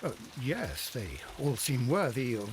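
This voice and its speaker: Game sidekick, gentleman doctor: mid-pitched, expressive, polite and curious, noisy rain-like backdrop. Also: a little slow. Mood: polite, hesitant. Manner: polite, questioning. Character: polite, inquisitive Victorian gentleman doctor, loyal companion. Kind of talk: video game dramatic acting.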